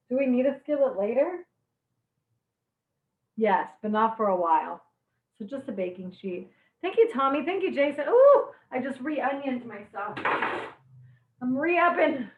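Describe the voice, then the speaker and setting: A bubbly woman with a fairly high voice leads an online cooking class, chatting and laughing at her own jokes while her eyes water from onions. Her voice comes through thin and phone-like, bouncing around an echoey kitchen. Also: big pitch swings, moderate pace, long pauses. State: teary from cutting onions.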